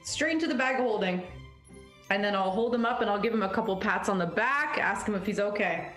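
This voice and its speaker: A woman's voice: mid-range voice, expressive, fairly quick, a bit bright, faint music behind. A woman casually playing a tabletop game, talking through her character's moves. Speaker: player. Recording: roomy echo.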